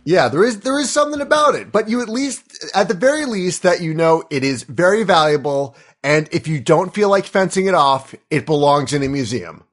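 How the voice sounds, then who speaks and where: Rambling man in his thirties, slightly high. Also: expressive, fairly quick, few pauses. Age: 30s. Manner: rambling, stops often to correct and apologize. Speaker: host running the question game. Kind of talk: casual comedy podcast chat.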